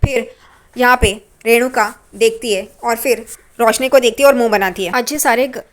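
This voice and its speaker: High-voiced woman telling a story. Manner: lively, quick to slip into quoted lines. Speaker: recap narrator. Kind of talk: casual spoken retelling.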